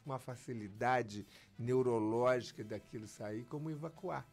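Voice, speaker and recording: A physician appearing as an interview guest explains medical matters in a mid-range voice at a moderate pace, with soft music behind him. He's lively and emphatic, acting out the lines his patients say.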